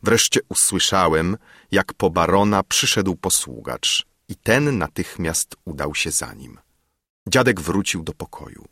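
A man with a lowish, husky voice narrating a literary audiobook in an expressive, dramatic way. His pitch moves widely, and the recording is close and dry with no room sound. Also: a little slow, dry recording. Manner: expressive, dramatic first-person reading.

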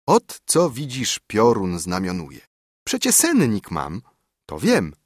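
A man's voice: mid-range voice, wildly swooping pitch, slow, husky, no room sound, studio quality, voice pushed up, heavily acted. A man voicing a pious old widowed mother who soothes her son with folk sayings, in an audiobook reading. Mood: soothing. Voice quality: warm, soothing folk speech.

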